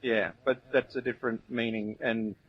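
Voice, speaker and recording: A man's voice: mid-range voice, steady tone, normal speed, husky, no echo. A man with a broad New Zealand accent presenting in casual group banter, hesitant and jokey as he stalls. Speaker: radio show presenter of a New Zealand segment. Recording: dull lo-fi audio with vehicle-like background noise.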